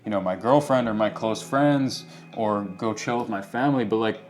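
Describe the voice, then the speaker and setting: A man's voice: lowish voice, normal speed, faint music behind. A man in his twenties hosting a casual chat, talking candidly and reflectively with plenty of "like" and "you know" fillers. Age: 20s. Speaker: host.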